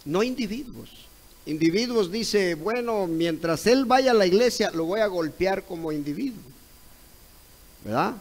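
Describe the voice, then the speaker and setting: Slow-talking high-voiced Mexican preacher man. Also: animated, poor audio. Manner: retells a dialogue, repeating "correcto" and "¿ve?"; rises to loud exclaimed cries when acting out others. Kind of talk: Sunday school sermon.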